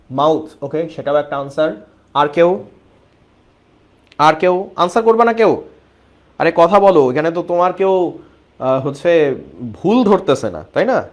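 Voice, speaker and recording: A man teaching an online biology class, explaining step by step and often asking his students questions. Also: fairly high pitch.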